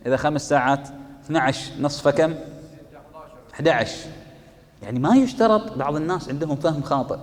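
A man's voice: on the high side, quick pace, long pauses, big-room sound. A man who teaches jurisprudence, reading lines from a text and then explaining them in colloquial speech, often asking a question and answering it himself. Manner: asks and answers his own questions. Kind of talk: explaining a fiqh text to students.

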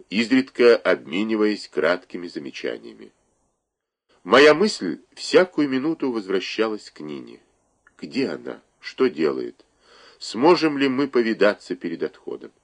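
A low-pitched male narrator reads a novel aloud with a measured, expressive delivery. His voice rises and falls widely through the sentences as he carries the prose. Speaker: audiobook narrator. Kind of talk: literary audiobook narration.

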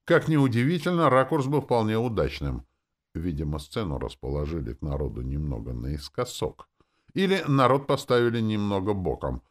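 A man narrating a fantasy audiobook in a lively reading style, voicing the crowd and characters as he goes. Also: on the low side, normal speed.

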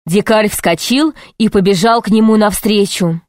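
A woman reading a children's adventure book aloud in measured, clear narration. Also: medium pitch, darkish tone, dry recording, studio quality. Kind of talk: scripted audiobook narration.

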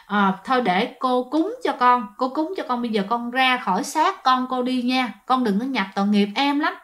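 A kind, worried older mother pleads with a spirit to spare her frail child, as a woman narrator voices her. She speaks high and coaxing. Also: expressive, moderate pace, fairly bright tone.

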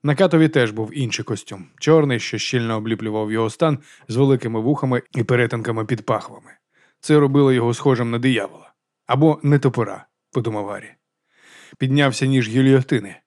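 A man's voice: mid-range voice, quick pace, a little mellow, dry recording. Man narrating a crime novel, dry. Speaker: audiobook narrator. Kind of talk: scripted narration.

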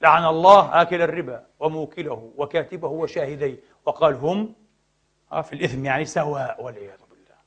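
A man preaching a sermon lesson, addressing the brothers with rhetorical questions and swinging between loud outbursts and quiet asides. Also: on the high side, fast, slightly rough. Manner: impassioned, rhetorical questions to the audience.

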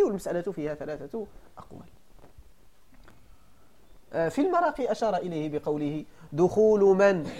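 A man's voice: high voice, a little mellow. A man with a Moroccan accent, a sheikh giving a classroom lesson on religious law who often stops to check that his class understands. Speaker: sheikh teaching Maliki jurisprudence.

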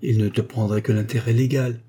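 A male reader takes on a scheming young actress in a storybook, his tone coaxing and caressing, raised above his own pitch but mellow and a bit husky. He keeps the tone steady and brisk, close to an everyday voice.

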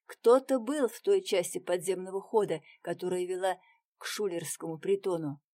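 A woman narrating an audiobook with expressive reading that drops to a hush in tense moments. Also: fairly low pitch, normal speed. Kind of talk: scripted narration.

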